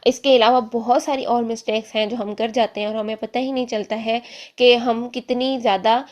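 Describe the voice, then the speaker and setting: A woman teaching an online religious lesson, explaining step by step and repeating examples slowly. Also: fairly high pitch, steady tone. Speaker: Quran recitation teacher.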